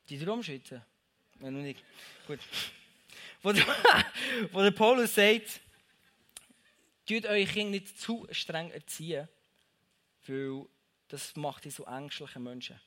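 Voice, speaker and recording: A man's voice: fairly high pitch, fairly bright tone. A young man gives a casual devotional talk, speaking straight to the listener and repeating his phrases for emphasis.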